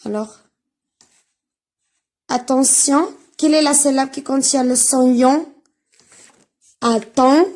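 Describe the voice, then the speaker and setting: A woman teaching a reading lesson, speaking slowly and spelling out sounds and syllables one at a time with careful enunciation. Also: sits high, a little mellow.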